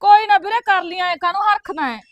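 A woman's voice: very high voice, a little fast, no echo, muffled recording. An actress playing a sly, chatty young married village daughter who coaxes her family with offers of tea, speaking with a Punjabi accent. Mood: coaxing. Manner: fussy, coaxing, endlessly offering tea. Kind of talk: village comedy film acting.

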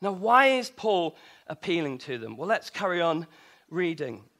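A man's voice: fairly high pitch, sing-song, unhurried, fairly bright tone. A man preaching a sermon in a conversational way, asking the congregation rhetorical questions.

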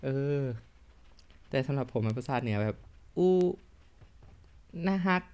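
A man's voice: mid-range voice, expressive, a little slow, darkish tone, clean tone. A man giving casual, joking commentary while playing a tank game, swearing freely and laughing at his own mistakes. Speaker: mobile tank game YouTuber. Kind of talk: live gameplay commentary.

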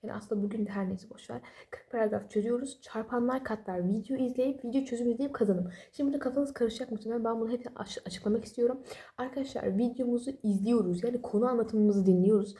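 A woman's voice: a little high, quick pace, dark tone. A young woman giving casual late-night study advice at home, sleepy and apologetic, rambling with small jokes and no proper microphone. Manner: rambling, apologetic, chatty with self-deprecating jokes. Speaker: study vlogger. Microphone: no external microphone.

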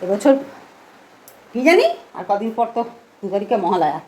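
Soft-spoken chatty woman vlogging at home. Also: mid-range voice, big pitch swings, moderate pace. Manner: chatty, homely, speaks softly. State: has a cold. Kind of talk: casual home vlog chat. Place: at home indoors.

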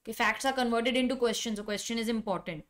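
Teaching law to students in a live online session, a middle-aged, Indian-accented woman talks fast in a voice on the high side. She is emphatic, restating key phrases and putting questions to the class.

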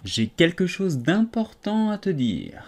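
A man voicing a languid, stern caterpillar in an audiobook, slow and curt. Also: high voice, sing-song, a little mellow, pitched above the performer's own voice, exaggerated voice. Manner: drawling, curt and contemptuous. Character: languid, stern, sleepy caterpillar smoking a hookah. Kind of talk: audiobook character voice.

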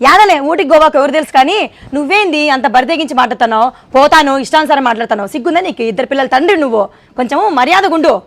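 Woman playing a sharp, quick-tempered wife, high and rapid. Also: expressive. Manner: fast, scolding, quick-tempered. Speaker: suspicious wife in a comedy skit. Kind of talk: comic sketch acting.

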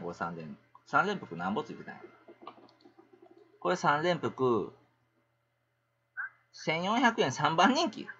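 A middle-aged man with a Kansai accent, chatting on a casual livestream in an animated, rambling, ranting way. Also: a little high, slightly rough, dull audio.

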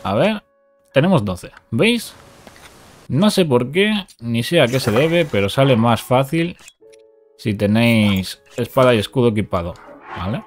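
A man's voice: medium pitch, animated, a little slow, pauses often, soft background music. Man narrating a game glitch. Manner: talks through steps, repeats short commands. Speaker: gaming youtuber. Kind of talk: casual game tutorial commentary.

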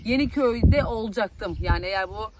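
A woman's voice: mid-range voice, a little fast, very noisy. A young woman from Aydın with an Aegean Turkish accent, a TV field reporter chatting casually as she answers followers' questions with plenty of fillers. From Aydın, Turkey. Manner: chatty, homely, loose with fillers.

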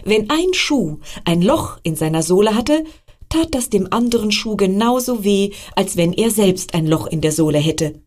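A woman with a medium-pitched voice reads a bedtime story aloud to children at a normal speed, addressing them directly with expressive storytelling.

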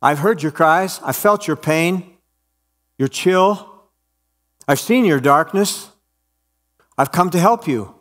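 Pastor doing a quiet, reassuring stranger; slow and gentle. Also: male voice, on the high side, expressive. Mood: calm. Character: calm gentle male stranger, a fire builder. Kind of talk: sermon storytelling.

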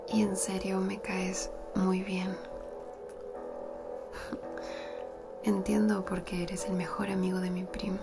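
An ASMR roleplay performer plays a giggly, whispering flirt, her medium-pitched voice barely moving in pitch. She speaks slowly and creakily in a soft, close whisper with long pauses, all over loud music.

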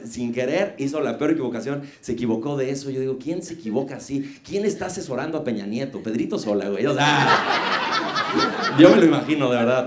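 A young man with a Mexican accent doing stand-up comedy on a club stage, mocking and teasing the audience in slangy speech. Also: medium pitch. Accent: Mexican Spanish. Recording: echoey club room, crowd audible.

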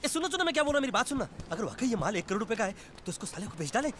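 An actor playing a naive, jumpy young theatre worker in a comedy film, eager and quick to protest. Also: male voice, very high voice, big pitch swings, a bit bright, slight background noise, full character voice. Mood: excited.

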